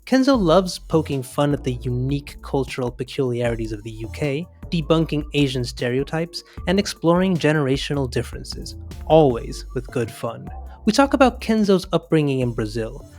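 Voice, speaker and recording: A man's voice: mid-range voice, very animated, normal speed, darkish tone. Male podcast host, eager and friendly, stumbling over his questions, faint music under him. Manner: enthusiastic, friendly, stammers in questions. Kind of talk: scripted intro, then interview chat.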